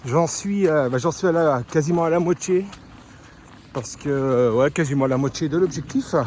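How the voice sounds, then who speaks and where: A man's voice: on the high side, moderate pace, a little mellow, a little hiss or hum. A man chatting to the camera as he runs hill repeats outdoors in the rain, casual vlog style. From France. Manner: chatty, talking to camera between climbs. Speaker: trail runner vlogger. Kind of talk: casual vlog while running.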